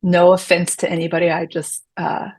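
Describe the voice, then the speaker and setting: Husky woman talking out of mouth's side. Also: on the low side, monotone, normal speed, darkish tone, dry recording. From Dallas, Texas. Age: early 40s. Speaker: guest, touring production coordinator. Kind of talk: casual interview chat.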